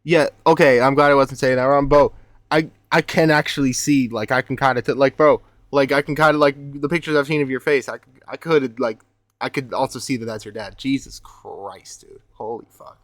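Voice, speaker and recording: A young man reacting live on stream, casual and excitable, swearing and calling everyone bro. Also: mid-range voice, moderate pace, dry recording.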